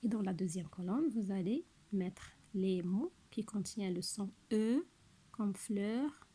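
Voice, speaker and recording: Woman, schoolteacher, slow careful delivery, repeats words, soft half-whispers, breathy. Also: mid-range voice, animated. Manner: slow, careful, repeats each word twice. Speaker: teacher. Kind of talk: recorded lesson for young pupils.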